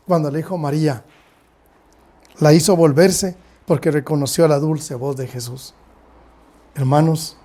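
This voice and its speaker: A man's voice: a little high, warm tone. A man with a Guatemalan Spanish accent, a pastor preaching a sermon and often calling out to his congregation. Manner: preaching, often calls out to the brothers and sisters.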